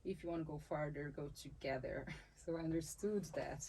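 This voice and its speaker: A dancer and capoeira teacher from Salvador, Bahia, Brazil talks in a conversational interview, her low voice warm and slightly rough at a moderate pace. She speaks Portuguese natively and has a Brazilian accent. She comes across as thoughtful, restarting phrases often and laughing easily.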